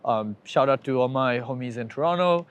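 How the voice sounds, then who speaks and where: A man's voice: mid-range voice, a little fast, clean tone. Reflective young man from Bangladesh. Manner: candid and reflective, with frequent fillers. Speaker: podcast guest. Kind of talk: casual interview conversation. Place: home in New York.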